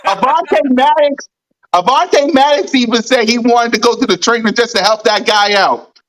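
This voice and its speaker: A man co-hosting a casual sports podcast, talking football in an animated, mocking way that slows to a drawl at times. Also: extremely high pitch, poor audio. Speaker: podcast co-host.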